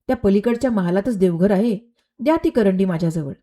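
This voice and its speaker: A woman voicing a nervous young palace maid who speaks briskly and coaxes in a storybook tale. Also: medium pitch, mellow, close to an everyday voice. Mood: coaxing.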